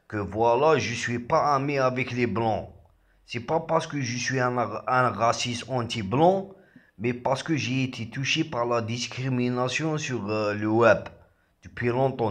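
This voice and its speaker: A man who raps, delivering an agitated, confrontational rant straight at the camera, halting and repeating words, then pushing his voice up sharply when heated. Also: lowish voice. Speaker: rapper. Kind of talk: ranting monologue to camera.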